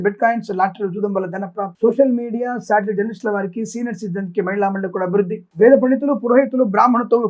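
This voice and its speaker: A man with a high-sitting voice and darkish tone delivers weekly horoscope predictions as an astrologer. He reels off long lists of blessings and slips into preachy, sarcastic, moralizing asides.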